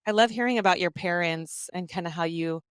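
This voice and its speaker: A woman co-hosting a podcast interview, chatty and animated, with many fillers. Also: on the low side, a little fast, clean tone, no room sound, clean studio sound. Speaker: podcast co-host. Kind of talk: casual conversational interview.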